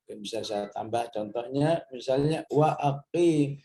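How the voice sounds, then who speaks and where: A middle-aged man from Indonesia teaching a Quran study lesson, explaining patiently, checking in with "ya" and reciting Arabic verses slowly. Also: medium pitch, mellow.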